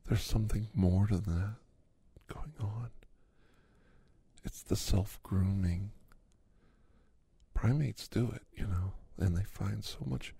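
A man doing an ASMR hand massage role-play, speaking softly and sultrily and often slipping into a whisper. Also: low voice, gravelly, husky, dry recording. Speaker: ASMR creator.

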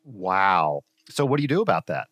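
A man's voice: low voice, very animated, moderate pace, a bit bright. A man hosting a podcast, introducing his guest and asking questions in an upbeat, enthusiastic way. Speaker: podcast host. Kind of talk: podcast interview.

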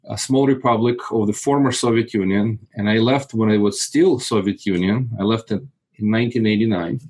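Speaking calmly about his property investments in a relaxed interview, this Russian-speaking Moldovan in his forties keeps repeating words as he hunts for them. He talks briskly in a lowish, slightly rough voice.

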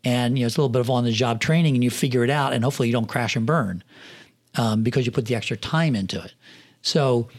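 A man's voice: mid-range voice, quick pace. A middle-aged man, a film production manager, telling rambling anecdotes in a casual podcast interview, with many fillers and restarts.

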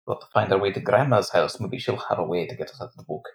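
A man's voice: sits low, quick pace, gravelly. A man playing a tabletop game with casual in-character banter and a dry, sardonic manner.

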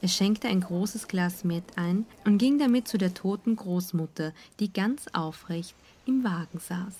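Woman reading a fairy tale. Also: medium pitch. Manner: calm, measured storytelling. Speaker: narrator.

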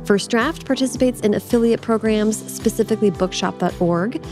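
Woman, podcast host, friendly chatty manner, video call, clear music underneath. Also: medium pitch, a little fast. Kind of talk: podcast interview.

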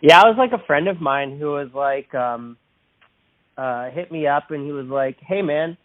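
A man's voice: on the high side, normal speed, no room sound. A man being interviewed over the phone, chatting in a loose, rambling, self-deprecating way. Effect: heard over a phone line. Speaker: interview guest, musician. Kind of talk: casual chat. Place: at home indoors. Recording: tinny phone line.

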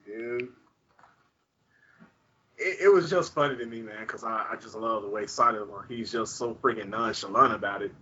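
A man's voice: fairly low pitch, normal speed, long pauses, sharp tone, husky, muffled recording. A man with a Southern US accent chatting casually like a folksy good ol' boy, slangy, joking and bawdy. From American South. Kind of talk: casual group chat.

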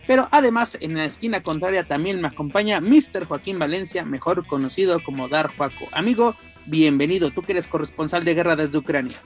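A man's voice: fairly high pitch, a little fast, few pauses, soft background music. A Mexican man hosting a show in the style of a lucha libre announcer, with formal, ceremonious introductions. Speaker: podcast host.

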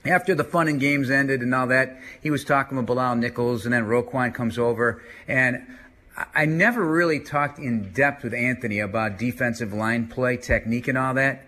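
A man's voice: medium pitch, normal speed, pushed and bright. A man hosting a sports radio show, chatty and wry, recapping the news and reading sponsor notes. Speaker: radio play-by-play host. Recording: broadcast from a remote trip.

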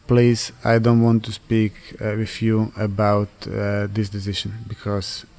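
A man from Switzerland in his thirties, answering interview questions in halting non-native English full of fillers and restarts. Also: fairly low pitch, monotone, a little mellow. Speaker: interviewee, footballer.

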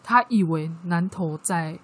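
Husky Taiwanese woman telling a story. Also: lowish voice, a little slow. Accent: Taiwanese Mandarin. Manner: lively storytelling, acting out quoted dialogue. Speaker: podcast co-host. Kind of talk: casual chat.

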